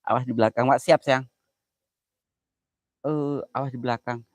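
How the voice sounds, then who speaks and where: A man's voice: medium pitch, steady tone, normal speed, dry recording. A man streaming live, chatting casually, thanking viewers by name, joking about being scared and crooning his words. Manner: jokey, easily spooked, drawls and croons phrases. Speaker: live-streaming content creator.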